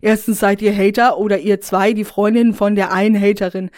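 A woman's voice: medium pitch, flat delivery, brisk, a little mellow, no echo, studio quality, close to an everyday voice. A woman voicing an arrogant, whiny, pudgy male YouTuber in a story reading, protesting indignantly. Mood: smug.

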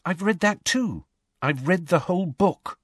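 A man voicing a bright teenage schoolgirl who answers promptly in a clear, confident voice. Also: sits high, animated, a little slow, no echo, studio quality, pitched above the performer's own voice, full character voice. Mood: earnest. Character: clever, earnest teenage schoolgirl.

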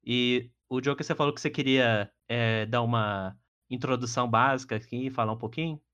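A man's voice: medium pitch, fairly even intonation, brisk, a bit bright, muffled recording. A man with a Brazilian accent hosting a podcast in a casual, chatty style. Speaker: podcast host.

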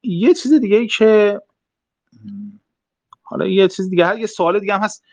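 Young man, slightly high voice, dry close sound; casual step-by-step explainer with fillers. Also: a little mellow, dry recording, muffled recording. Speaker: math talk host.

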